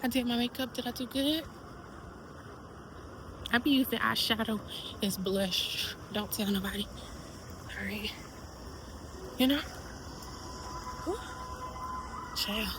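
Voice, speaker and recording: A woman's voice: a little high, takes it slowly, pauses often, noisy background. A young woman chatting casually to viewers in a vlog, filmed on a phone. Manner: chatty, addresses viewers as y'all. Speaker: vlogger.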